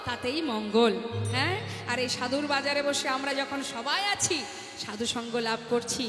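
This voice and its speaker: High-voiced woman preaching in an echoing hall. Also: normal speed. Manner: addresses the crowd as mother and father, exhorting. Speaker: kirtan singer and preacher. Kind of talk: devotional sermon with chanting. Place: large hall at a devotional gathering. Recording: echoey hall with music behind.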